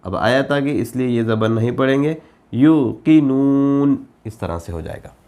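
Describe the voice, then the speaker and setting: A man teaching Quran reading, spelling syllables slowly one by one and then explaining the rules in quicker asides. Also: medium pitch, expressive, darkish tone. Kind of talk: slow letter-by-letter spelling lesson.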